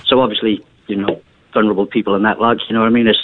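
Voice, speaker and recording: A man's voice: fairly low pitch, level tone, very fast, slight background noise. A man calling in to a radio show over the phone, talking casually and rambling with plenty of hesitant fillers. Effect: heard over a phone line. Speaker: caller. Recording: tinny narrow phone line.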